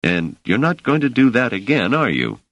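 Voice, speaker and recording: A man voicing a curious, polite male scholar with a measured, mildly wry manner. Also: mid-range voice, huge pitch swings, a bit bright, dry recording, voice pushed up, full character voice.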